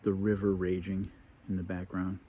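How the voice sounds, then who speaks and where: A man talking casually to himself in an unhurried, musing way, like a solo camper narrating his outdoor vlog. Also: deep voice, husky. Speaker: solo camping vlogger. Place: outdoors at a woodland campsite and in a tent. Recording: outdoor recording with steady background noise.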